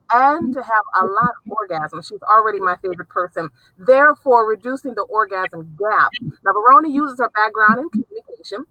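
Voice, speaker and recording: A woman with a New Orleans accent hosts a chatty interview, talkative and quick to laugh. Her voice is very bright, and the sound is dry and close. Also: on the high side, no echo, rough recording. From South Louisiana. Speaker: host. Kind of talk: casual interview chat.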